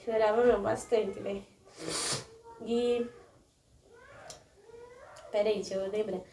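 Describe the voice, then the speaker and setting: A woman's voice: medium pitch, fairly even intonation, takes it slowly, mellow, a little hiss or hum. A young woman vlogger casually telling her viewers a long personal story, rambling with many restarts and little questions. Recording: echoey room, mic a bit distant.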